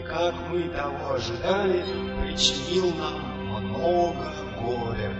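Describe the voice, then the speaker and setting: Brief: male storyteller, old radio show reading, high voice, distant echoey hall, music loud behind. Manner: measured, earnest first-person storytelling. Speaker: narrator.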